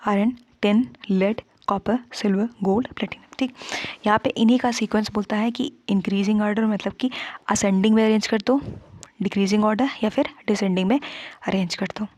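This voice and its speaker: A woman's voice: medium pitch, darkish tone, slightly rough, dry recording. A woman teacher working through past exam questions step by step, often checking in with her students. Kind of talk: exam-prep lesson solving past papers.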